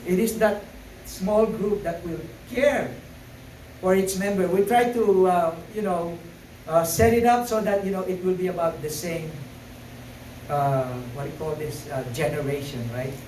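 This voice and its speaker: This preacher's voice sits high with a darkish tone and a slightly slow pace, picked up from far off in an echoey sanctuary with a little hiss or hum. His sermon begins halting and filler-laden, then builds to emphatic repetition.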